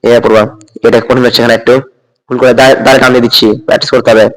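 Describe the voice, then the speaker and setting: A man's voice: medium pitch, little pitch movement, long reverb tail, poor audio. A man teaching Quran reading, spelling out letters and vowel marks one by one and checking with the learner again and again. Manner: spells out Arabic letters and vowel marks slowly, then drawn-out recitation; patient, checks understanding with repeated "okay?".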